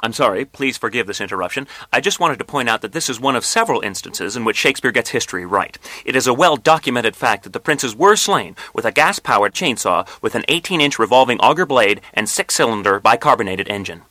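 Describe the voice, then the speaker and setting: A man in a comic show making formal, apologetic announcements in a deadpan manner. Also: mid-range voice, fast talker, few pauses, a little hiss or hum. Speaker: performer in a comic Shakespeare show.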